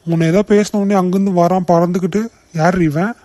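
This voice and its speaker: Brief: man playing a nasty cartoon bully, high yet mellow, sneering, dry close sound. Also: steady tone, brisk, no room sound, lightly acted. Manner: sneering, insulting. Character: young male bully brother, rude and threatening. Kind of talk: cartoon voice acting.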